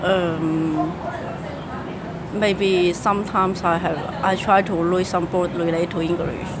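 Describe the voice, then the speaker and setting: A woman's voice: lowish voice, fairly even intonation, takes it slowly, heavy background noise. A young woman from mainland China with a Chinese accent answers interview questions in second-language English, hesitantly, repeating and searching for words. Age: young adult. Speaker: university student interviewee.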